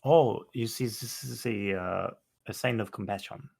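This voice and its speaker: A man playing a tabletop role-play game, speaking in character in an earnest, gentle, formal way. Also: on the low side, unhurried, creaky, breathy edge. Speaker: player.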